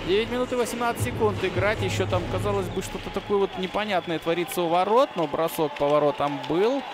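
A man commentating live on ice hockey, with excited goal calls. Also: high voice, quick pace, music in the background. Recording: very noisy arena, loud background ambience.

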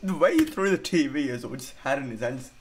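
A man's voice: medium pitch, lively intonation, a little fast, a little hiss or hum. A young man giving casual, amused reaction commentary, breaking into stifled giggles as he talks. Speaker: reaction video host. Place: bedroom, indoors. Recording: music and clip audio behind.

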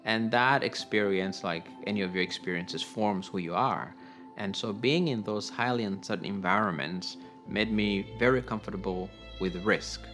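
A man from Rwanda, a tech company founder, calmly explaining his work in a documentary interview. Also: fairly low pitch, normal speed. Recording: music bed underneath.

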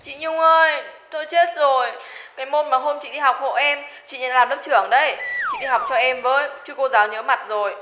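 A woman's voice: high voice, a little fast, hardly any pauses, lo-fi sound, slight background noise, close to an everyday voice. An actress playing a hapless young female student who whines and wails about her troubles. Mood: pleading. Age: young adult. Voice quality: wailing, whiny. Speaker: student in a comedy sketch.

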